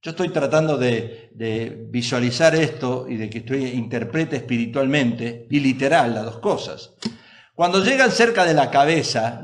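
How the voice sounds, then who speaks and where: A male pastor preaching a sermon in a church, emphatic and full of rhetorical questions to the congregation. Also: mid-range voice.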